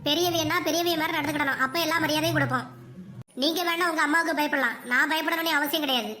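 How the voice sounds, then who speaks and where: A woman's voice: high-pitched, fairly even intonation, racing, bright, forceful tone, slight background noise. A woman voicing a defiant young wife in a cartoon, talking back bluntly. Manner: blunt, cheeky retorts. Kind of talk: cartoon voice acting.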